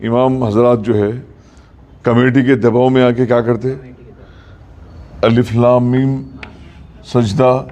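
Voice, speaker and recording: A man teaching a recitation class in a mosque. He explains patiently, asks his students questions, and keeps a middle pitch. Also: little pitch movement, a little mellow.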